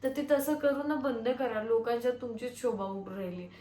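A hoarse woman firing back defiantly and with scorn in a heated family-feud video. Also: a little high, fairly even intonation, moderate pace, dark tone. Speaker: vlogger. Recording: echoey room with faint noise.

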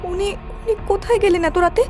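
A woman's voice: very high voice, fairly even intonation, fast, faint music behind. A woman voicing an anxious young wife in a cartoon, pleading and emotional. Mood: worried. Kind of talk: cartoon voice acting.

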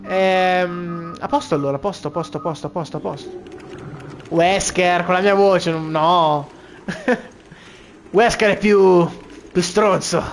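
A man's voice: high voice, fairly even intonation, takes it slowly, pauses often, soft background music. A young man with a boyish voice, joking and swearing through casual gameplay commentary to his viewers. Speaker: let's play gamer.

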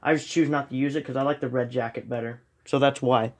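In a dark room at home, a young gaming channel host films his TV screen and offers casual commentary on his game. He has a slight cold and sounds sniffly, rambling self-deprecatingly with lots of ums. His mid-range voice keeps fairly even intonation at a quick pace.

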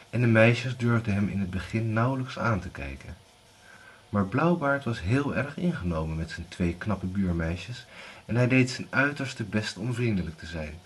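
A man reads a fairy tale aloud with an expressive storytelling manner. His voice is husky and breathy at mid pitch. It rises and falls widely through the lines.

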